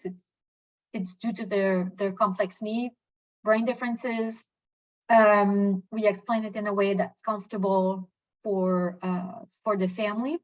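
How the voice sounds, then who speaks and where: A woman's voice: mid-range voice, highs cut off. A woman presenting in a professional webinar, speaking hesitantly with frequent fillers and restarts over a video call.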